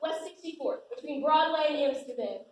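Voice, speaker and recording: A woman's voice: high-pitched, fairly quick, natural voice. A woman playing a wry young dancer. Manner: deadpan teasing. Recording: echoey stage from far off, faint noise.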